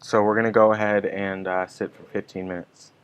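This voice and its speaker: Man, meditation teacher, low voice, smooth and resonant, calm gentle guidance. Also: lo-fi sound. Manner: calm, slow, gentle instructions. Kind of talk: guided meditation. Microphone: online stream mic.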